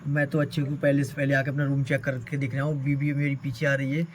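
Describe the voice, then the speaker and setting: A man's voice: medium pitch, flat delivery, fast talker, slight background noise. A man performing an improvised doll-play skit in a bustling, chatty way, often tossing in casual fillers. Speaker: performer voicing dolls in a family skit.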